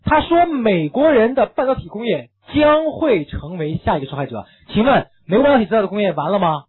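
A man lectures through an English reading passage, firing off rhetorical questions at his students. His voice sits high and husky. The recording is thin and tinny, like a phone line. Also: a little fast. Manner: animated, asks many rhetorical questions, mixes in English phrases. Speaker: English teacher.

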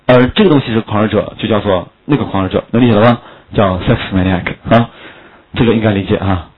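A man's voice: mid-range voice, breathy edge, highs cut off. A man teaching English vocabulary in a classroom lecture, joking and asking his students questions. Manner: quick, joking, asks students questions often.

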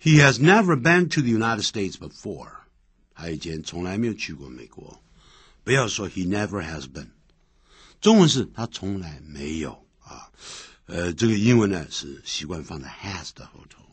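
Husky low-voiced man teaching grammar. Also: very animated, moderate pace, no room sound. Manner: explains step by step, repeating example sentences. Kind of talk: classroom-style grammar lecture.

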